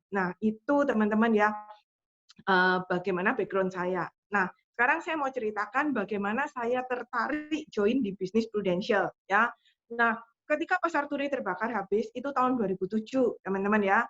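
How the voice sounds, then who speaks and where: A woman with a somewhat high voice tells her personal story in an online motivational talk. She is animated and acts out the lines she quotes. The sound is a little dull and lo-fi. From Indonesia. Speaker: motivational speaker.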